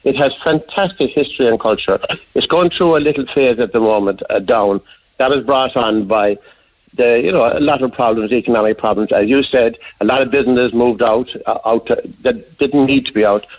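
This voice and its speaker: Older male caller, southwest Irish Kerry accent, mid-pitched, conversational, on a muffled line. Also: brisk. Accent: southwest of Ireland, Kerry. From County Kerry, Ireland. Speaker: radio phone-in caller. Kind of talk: conversational opinion on a phone-in. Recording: dull phone-in line.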